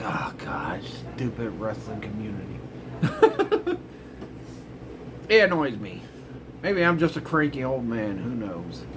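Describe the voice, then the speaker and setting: A man's voice: on the high side, fairly bright tone, slight background noise. A middle-aged man hosting his own show, ranting in a grumbling, exasperated way with sarcastic asides. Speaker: host. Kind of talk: casual ranting commentary.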